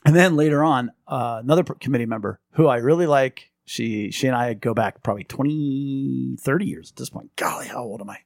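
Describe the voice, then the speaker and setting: A man's voice: brisk, creaky, hardly any pauses, no echo, clean studio sound. A middle-aged man, telling stories as a podcast host in casual chat. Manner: animated storyteller, jumps high on quoted lines.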